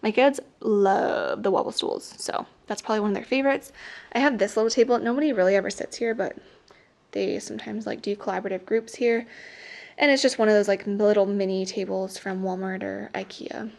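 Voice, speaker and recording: A woman's voice: mid-range voice, fairly even intonation, fairly quick, vocal fry, darkish tone. A young woman, a teacher, giving a casual, rambling tour of her classroom while walking a camera around. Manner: chatty, rambling, many "like" fillers. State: slightly out of breath. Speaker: teacher and vlogger. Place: classroom, indoors.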